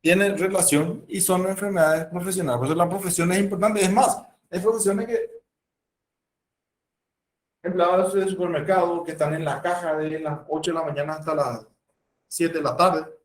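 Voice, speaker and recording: A man's voice: high voice, fairly even intonation, moderate pace. Paraguayan man lecturing in a roomy classroom. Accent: Paraguayan Spanish. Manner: explains with examples and acted patient dialogues. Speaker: medical lecturer. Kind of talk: university lecture. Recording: roomy, from far off the mic.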